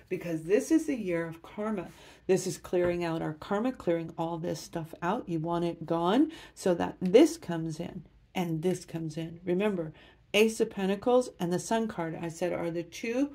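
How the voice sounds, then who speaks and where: A woman's voice: fairly low pitch, a little mellow. A woman giving a tarot reading to camera, upbeat and speaking straight to her viewers. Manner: enthusiastic, addresses viewers directly. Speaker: tarot reader.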